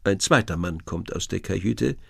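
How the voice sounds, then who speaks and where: A man reading a children's story aloud in a lively, expressive way. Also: low-pitched, moderate pace, creaky, breathy edge, no echo.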